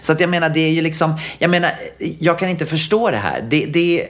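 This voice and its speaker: A man co-hosting a casual chat, animated and indignant, quick to agree with his partner. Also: a little high. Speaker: podcast co-host.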